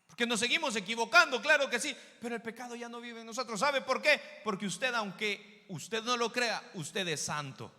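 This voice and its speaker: A male pastor preaching a sermon, swinging between loud calls and soft low asides, speaking straight to the congregation as brother and church. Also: expressive, moderate pace, few pauses. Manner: addresses listeners directly as brother and church. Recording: long hall reverb.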